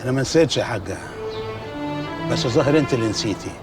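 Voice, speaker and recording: An actor plays an earnest Egyptian man talking fast at a middle pitch. He is a little away from the mic, with music under him. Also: expressive, distant mic, natural voice. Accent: Egyptian Arabic. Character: Egyptian man, cautious, conscience-stricken brother. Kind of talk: TV drama acting.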